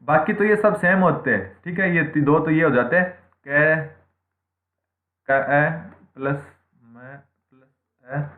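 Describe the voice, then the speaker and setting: A man teaching an online grammar lesson, his voice sitting a little high for a man. He repeats each point and answers his own questions, checking in constantly with his students. The sound is tinny and phone-like, bouncing around an echoey room. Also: measured pace. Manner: frequent "theek hai" checks. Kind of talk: online exam-prep lesson.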